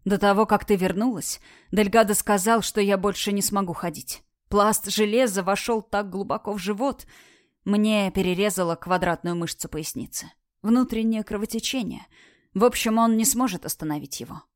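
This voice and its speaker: A woman's voice: medium pitch, normal speed, no echo, studio quality, natural voice. A woman voicing a badly wounded young man who speaks firmly and tenderly, in an audiobook reading. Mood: resolute. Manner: firm, pleading.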